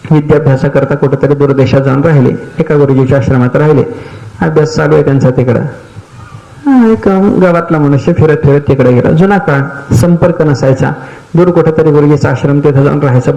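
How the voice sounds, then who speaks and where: An older spiritual teacher with a slightly high, dark-toned voice gives a devotional discourse on a rough recording. He explains terms step by step, tells stories, and often asks listeners whether they follow.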